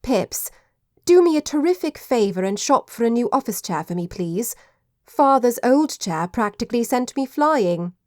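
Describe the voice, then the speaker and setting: A woman as a brisk genteel lady detective. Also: on the high side, very animated, a little mellow, dry recording, studio quality.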